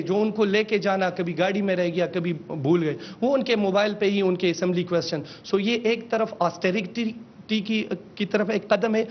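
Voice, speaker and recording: High-voiced man giving a formal slide briefing. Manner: mixes in English phrases, calls out slide changes. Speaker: government official presenting a system. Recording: dull lo-fi with faint rumble.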